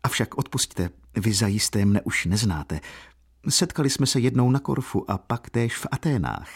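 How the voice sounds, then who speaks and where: A man with a husky voice reading the lines of a young man torn by longing in a story, speaking in an agitated, pleading way. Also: mid-range voice, animated. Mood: feigned surprise.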